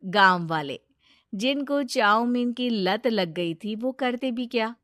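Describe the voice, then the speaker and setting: A woman's voice: fairly high pitch, animated, slow pace, fairly bright tone, no echo, studio quality. A woman narrator reading a scripted moral story.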